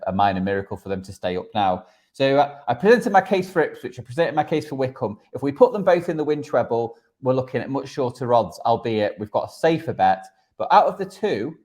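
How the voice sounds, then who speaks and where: With a warm, mid-range voice, a man talks through football betting picks and analysis on his podcast. The delivery is chatty, occasionally hesitant, with words sometimes repeated.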